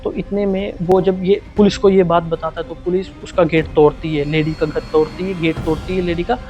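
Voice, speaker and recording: A young man recounts an eerie story in casual vlog style. His voice sits slightly higher than usual for a man. He keeps it chatty and repeats phrases to build suspense. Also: flat delivery, a little fast, a little mellow, faint music behind. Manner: conversational, dramatic retelling with many repetitions. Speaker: vlogger.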